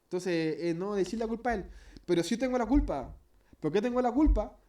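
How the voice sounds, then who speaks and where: Leading a casual Bible study, a Chilean-accented man talks a little fast in a high, warm, expressive voice. He chats, self-corrects and acts out everyday scenes to illustrate points. The mic picks him up from a distance.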